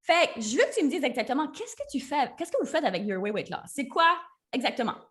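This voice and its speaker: A woman's voice: high voice, very animated, fast, fairly bright tone. A woman hosting a podcast, chatty and enthusiastic, mixing in English words. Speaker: podcast host. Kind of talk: casual interview chat.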